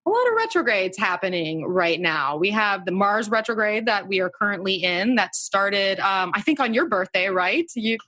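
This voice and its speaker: A woman's voice: medium pitch, expressive, moderate pace, hardly any pauses, pushed and bright, no room sound. A woman hosting a podcast interview in a casual, effusive, meandering way. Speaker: podcast host.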